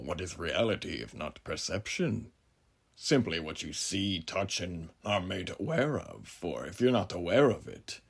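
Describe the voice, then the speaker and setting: Sinister genial judge, horror roleplay, deep gravelly voice, swooping theatrical delivery, philosophizing, grand pauses. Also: male voice, heavily acted. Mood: musing, amused. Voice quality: gravelly, husky. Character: menacingly genial, philosophizing frontier judge, a large imposing villain. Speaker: voice actor. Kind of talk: immersive horror audio roleplay monologue.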